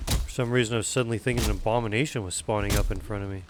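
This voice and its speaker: A man's voice: on the low side, fairly even intonation, very fast, very noisy. A man chatting casually while streaming a game, rambling and poking fun at himself. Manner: chatty, self-deprecating. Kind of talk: casual gaming chat.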